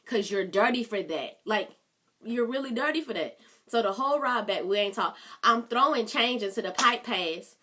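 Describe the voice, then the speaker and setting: A young woman telling an exasperated, animated storytime vlog full of slang. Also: fairly high pitch. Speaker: vlogger.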